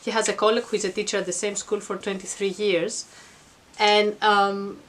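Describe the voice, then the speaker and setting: A middle-aged woman speaks at a medium pitch in an informal vlog style. She explains things earnestly and reflectively, as if thinking aloud to her viewers. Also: level tone, moderate pace, fairly bright tone. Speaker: vlogger. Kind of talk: informal explanatory talk to camera. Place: attic at home.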